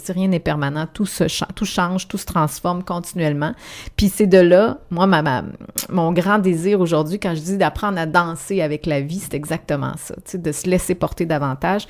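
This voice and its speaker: A woman with a Québécois accent, an author talking reflectively in a radio interview, often restarting her sentences. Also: fairly low pitch. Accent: Québécois French. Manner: reflective, with frequent restarts and fillers. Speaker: author guest.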